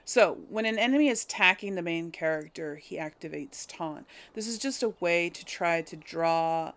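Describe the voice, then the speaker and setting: A clean, fairly bright, fairly low-pitched female voice at normal speed belongs to a gamer hosting a role-play playthrough. She chats casually with viewers, thinking aloud, hesitating and correcting herself along the way.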